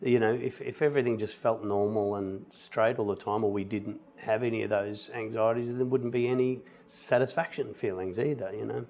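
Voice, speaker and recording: A man's voice: lowish voice, a little fast, few pauses. Man telling stories in chat. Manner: animated storyteller, acts out quoted lines. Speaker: musical theatre actor, guest. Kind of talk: casual interview chat, telling anecdotes.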